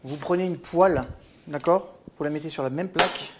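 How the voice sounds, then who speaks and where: Gentle male coach over sizzling pan. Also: on the high side, moderate pace, background noise. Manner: gentle, instructive, addresses viewers fondly. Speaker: wellness coach. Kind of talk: cooking demonstration. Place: home kitchen at the stove. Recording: food sizzling in the pan behind.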